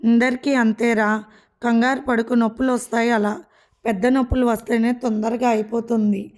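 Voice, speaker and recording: A woman's voice: on the high side, little pitch movement, moderate pace, a little mellow, natural voice. A woman reading a storybook voices a caring older sister who reassures her frightened younger brother. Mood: soothing.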